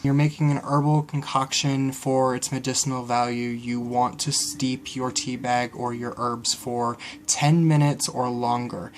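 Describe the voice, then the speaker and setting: A man's voice: medium pitch, flat delivery, measured pace, few pauses, a little hiss or hum. A man casually explaining a kitchen home remedy step by step, with frequent fillers. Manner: explains steps conversationally with fillers. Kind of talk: casual how-to tutorial.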